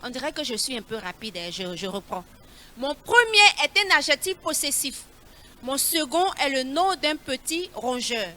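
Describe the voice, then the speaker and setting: High-voiced woman running a bible riddle game for kids, repeats every clue, bit of hiss behind. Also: sing-song, sharp tone. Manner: slow, repeats each clue, coaxing. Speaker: children's Bible quiz leader. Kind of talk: Bible riddle quiz for children.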